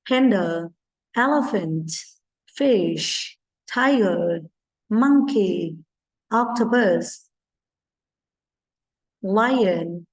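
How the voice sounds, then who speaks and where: A woman teaching an English vocabulary lesson to children with a Vietnamese accent, modeling each word slowly and clearly for repetition. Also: mid-range voice. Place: online recorded lesson.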